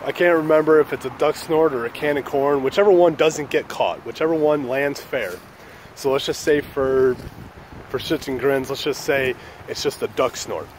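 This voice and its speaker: A man's voice: a little high, a little hiss or hum. Casual man spinning a joking story. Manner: loose, profane, joking storyteller. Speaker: channel host.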